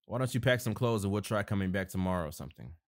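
A man's voice: sits low, lively intonation, racing, dry recording, studio quality. A man voicing a blunt, foul-mouthed male friend in a horror story reading. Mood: uneasy. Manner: crude, urgent.

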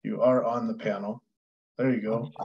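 A man's voice: lowish voice, steady tone, moderate pace, lo-fi sound. A man moderating a hearing politely and procedurally over a video call. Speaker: hearing officer.

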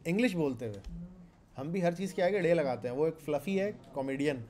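A programming instructor with a Pakistani Urdu accent lectures a live class in a voice that's a little high yet dark and mellow. His intonation is lively and his pace fairly quick. He keeps it conversational, quizzing students and revisiting each point.

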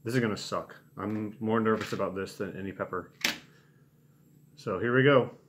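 A man's voice: fairly low pitch, normal speed, slight background noise. A man in his twenties chatting casually to camera in a laid-back, understated way, recorded at home. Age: 20s. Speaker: challenge video host. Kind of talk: casual vlog chat to camera. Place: small home room indoors.

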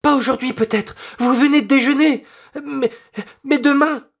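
A man voicing a frightened little girl who pleads through sobs, in a husky voice pitched far up. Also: fairly even intonation, moderate pace. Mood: pleading.

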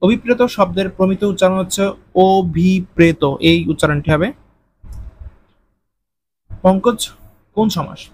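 A man with a Bangladeshi Bengali accent reads out admission exam questions and gives each answer in a brisk question-and-answer way, slowing down on hard terms. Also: high-pitched, vocal fry, a little hiss or hum, low-quality recording. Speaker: exam tutor.

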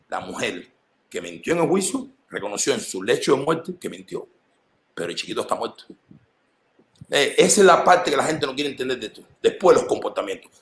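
A man with a Cuban accent talks quickly and with strong emphasis in a loose, casual conversation. His voice rises and falls sharply as he presses his points, and an echoey room surrounds him. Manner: animated and emphatic, with big swings in pitch.

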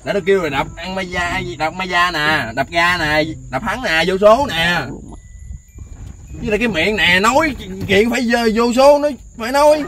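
A man's voice: high voice, moderate pace, bright, forceful tone, a little hiss or hum. A man playing an impatient driving teacher in a comic sketch, scolding and rude.

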